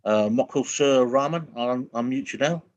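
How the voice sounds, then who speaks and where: A man co-hosting a webinar, friendly and brisk, introducing callers. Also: mid-range voice, darkish tone, muffled recording. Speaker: webinar co-host. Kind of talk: casual moderating.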